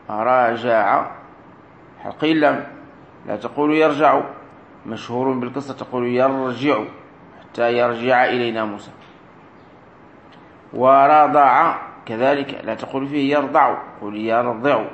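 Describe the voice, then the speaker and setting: Man teaching grammar class, repeats words slow, echoey room. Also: mid-range voice, lo-fi sound. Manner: explains slowly, repeats key words and drills verb forms aloud. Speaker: sheikh teaching Arabic grammar. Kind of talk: recorded classroom lesson. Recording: roomy echo with faint room noise.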